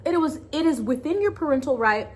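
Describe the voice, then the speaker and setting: A woman's voice: high-pitched, expressive, brisk. A woman hosting a casual video commentary, talking conversationally with exasperated emphasis. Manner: conversational, exasperated, emphatic, voices imagined quotes. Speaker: video host. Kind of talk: casual opinion commentary to camera.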